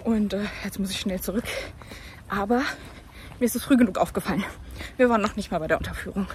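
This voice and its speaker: A young woman chatting on camera in a bubbly, excitable way while out on the street. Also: medium pitch, quick pace, slight background noise. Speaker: vlogger. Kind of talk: casual chat on camera.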